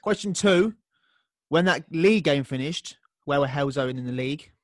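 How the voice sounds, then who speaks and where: A man's voice: fairly high pitch, animated, normal speed, dry recording, studio quality. A man hosting a podcast, running a casual quiz with friendly teasing. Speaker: podcast host.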